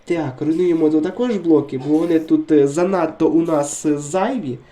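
A man narrates his gameplay in a steady chatter, and his voice sounds worn by illness. His tone is mellow and dark, and he turns excitable when the action heats up, repeating short words. Moments of calm talk alternate with bursts of urgency. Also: a little high, normal speed. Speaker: gaming video creator. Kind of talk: let's-play commentary.

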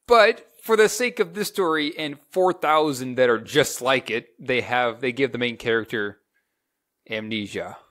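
A man in his twenties chatting casually as a movie reviewer, excitable and rambling, often restarting his sentences. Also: medium pitch, a little slow. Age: 20s. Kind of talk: casual chat.

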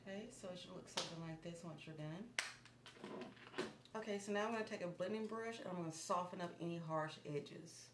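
Talking fairly quickly, a woman in her thirties who vlogs about beauty demonstrates makeup in a calm, instructive way, her fairly low, slightly hoarse voice fading toward a murmur as she concentrates. She's in a small room in front of a plain wall. Echo and a steady hiss fill the background.

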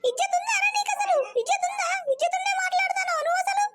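A woman voicing a sharp-tongued, demanding young wife in a cartoon comedy, scolding her husband in a Telangana Telugu accent. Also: fairly even intonation, over loud music. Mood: shouting. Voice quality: shrill, cartoonishly high. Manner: scolding, nagging, rapid-fire taunts.

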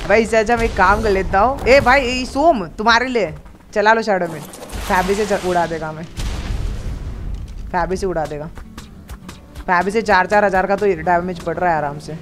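A man with an Indian accent hosting a multiplayer gameplay video, excitedly hyping a raid and making playful sound effects. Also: sits high. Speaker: gaming channel host. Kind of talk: live multiplayer gameplay chat.

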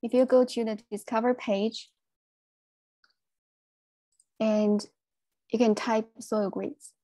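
A woman giving a technical presentation on a video call, speaking in a measured way with frequent fillers. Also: a little high, steady tone, dark tone, no echo.

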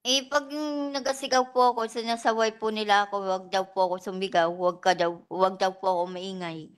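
A woman testifying as a witness at a hearing, answering softly and politely in short replies. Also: mid-range voice, fairly even intonation, fairly quick, clear, resonant tone. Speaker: witness, domestic worker. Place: legislative hearing room.

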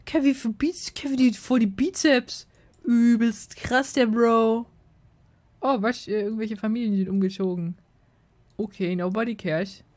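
Woman, game commentary, chatty, excitable, swearing, slightly high voice. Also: measured pace. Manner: excitable, swearing, exasperated outbursts. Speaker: Let's Play host.

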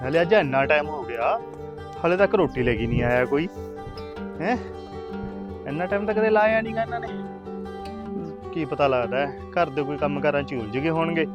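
Man playing a farmer, talking to himself, unhurried, guitar music over the voice. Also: fairly high pitch, animated, muffled recording, lightly acted. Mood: musing. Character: patient village farmer, elder brother, waiting at the fields. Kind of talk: village web-series acting.

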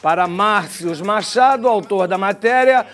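Older Brazilian male TV host, high-pitched, chatty and wry, lapel mic, faint music bed. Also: a bit bright. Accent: Brazilian Portuguese. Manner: chatty, wry asides, drawn-out sign-offs. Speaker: TV commentator. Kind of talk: studio TV commentary. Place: TV studio.

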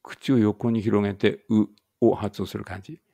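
A man reading a language lesson aloud slowly and carefully, with muttered asides to himself. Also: on the low side, fairly even intonation, gravelly, warm tone.

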